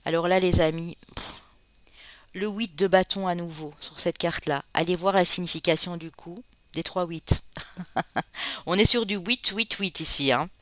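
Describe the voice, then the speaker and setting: Someone from the Spanish Basque Country reads tarot for viewers in a medium-pitched, fairly bright voice with no echo. The talk is loose and chatty, full of "hein" fillers, and listeners get called friends.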